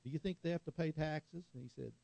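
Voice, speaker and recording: A man's voice: fairly high pitch, quick pace, creaky, darkish tone, no room sound, highs cut off. A middle-aged man preaching a sermon in a conversational way, telling stories and asking the congregation for an amen. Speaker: pastor.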